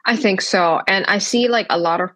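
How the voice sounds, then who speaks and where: A young woman from Hong Kong, a percussionist guest in a casual podcast interview, speaking thoughtfully with frequent pauses. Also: medium pitch, pushed and bright.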